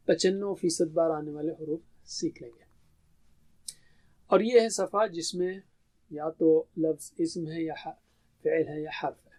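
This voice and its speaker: A man's voice: high-pitched, a little mellow. Urdu-speaking man lecturing on Arabic grammar. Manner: explains step by step, asks and answers own questions. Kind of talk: classroom lecture on Quranic grammar.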